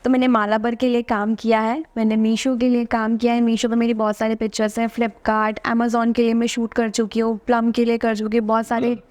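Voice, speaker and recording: A woman's voice: fairly high pitch, level tone, brisk, hardly any pauses, a little mellow. A young woman in her early twenties, a model and influencer, chatting confidently as a podcast guest and mixing English into her talk. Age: 20s. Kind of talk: casual interview chat.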